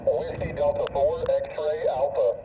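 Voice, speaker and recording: A man's voice: a little high, huge pitch swings, a little slow. A man heard over fading shortwave radio reception, answering as an amateur radio operator in clipped call-sign and signal-report exchanges. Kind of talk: ham radio contact. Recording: dull, noisy shortwave radio speaker.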